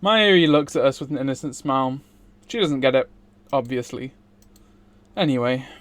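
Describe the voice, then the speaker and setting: A man streams a visual novel, reading it aloud theatrically and slipping in casual asides while game music plays behind him. His voice is medium-pitched and animated, at a normal speed.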